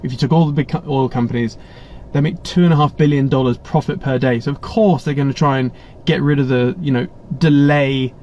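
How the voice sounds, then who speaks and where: Chatty and meandering, an English man runs a casual live stream, answering viewer chat with blunt side comments and plenty of restarts. He talks a little fast in a mid-range, slightly mellow voice with fairly even intonation. Captured on a webcam setup, the audio is slightly muffled with slight background noise.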